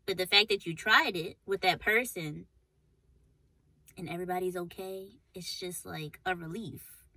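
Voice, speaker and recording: Bright-voiced woman podcast co-host. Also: fairly low pitch, low-quality recording. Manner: quick agreeing interjections, reflective. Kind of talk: casual relationship talk.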